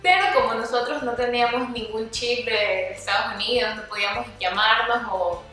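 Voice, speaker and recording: A young woman from Ecuador telling a casual storytime vlog, lively, sometimes acting out quoted dialogue. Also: on the high side, normal speed, recorded from a distance. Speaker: vlogger. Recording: echoey room, voice a bit off-mic, faint music.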